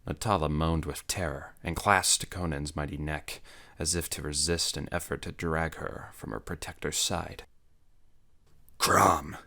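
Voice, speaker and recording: A man reading an audiobook as narrator, in a measured, dramatic delivery. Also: a bass voice, fairly even intonation, pushed and bright. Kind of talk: scripted narration.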